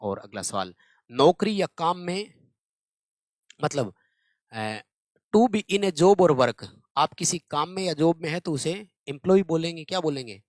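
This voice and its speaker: A man's voice: on the high side, expressive, measured pace, pauses often, no echo. A man teaching exam-prep questions step by step, repeating key answers and checking in with the listener. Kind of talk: Hindi exam-prep lesson.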